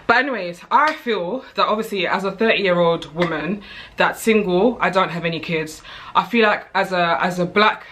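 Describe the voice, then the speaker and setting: Woman, 30s, British accent, bright voice, chatty, candid vlogger talking straight to camera. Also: on the low side, normal speed, a little hiss or hum. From United Kingdom. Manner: chatty, candid, rambling with frequent asides and fillers. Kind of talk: casual chat to camera.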